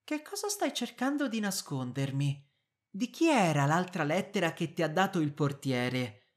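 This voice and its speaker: A man voicing a distraught, indignant middle-aged wife in an audiobook reading, with a shrill, insistent manner. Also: sing-song, moderate pace. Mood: demanding.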